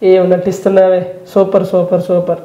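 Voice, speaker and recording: A man's voice: sits high, monotone, normal speed, echoey room, music in the background. A man arguing defensively, repeating the same questions again and again. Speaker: prank target. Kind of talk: heated argument.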